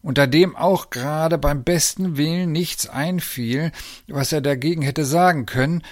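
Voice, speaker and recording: A man narrating a children's story in a lively, expressive way. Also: fairly high pitch, unhurried, no echo, studio quality.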